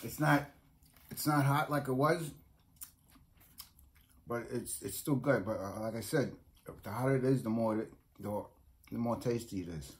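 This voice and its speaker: At a moderate pace and with frequent pauses, a middle-aged New York-accented man speaks in a mid-range voice for his casual food review vlog. Recorded close on a phone or webcam in a small home room, he rambles, repeats himself and restarts sentences often.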